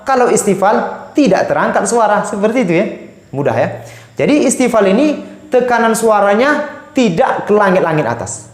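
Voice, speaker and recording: A man teaching Quran recitation rules, speaking slowly and patiently, repeating each sound many times to show it. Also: sits high. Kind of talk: recorded tajwid lesson. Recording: echoey room.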